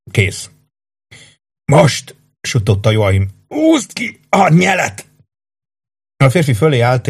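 A man reads a fantasy novel aloud in a steady, measured way. His voice sits low and carries a husky, slightly breathy grain throughout the narration. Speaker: audiobook narrator. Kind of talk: scripted fantasy audiobook narration.

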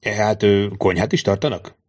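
A man's voice: lowish voice, close to an everyday voice. A man voicing a fussy, ingratiating captive rich man who stammers and hesitates, in an audiobook. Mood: coaxing. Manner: hesitant, stammering with filler sounds. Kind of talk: audiobook character voice.

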